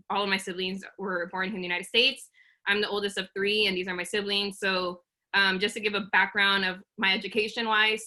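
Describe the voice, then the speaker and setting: This woman in her thirties, from Oakland, California, has a mid-range voice with a bright, forceful tone. She earnestly presents a career webinar over a video call, using lots of um's, fillers, and restarts.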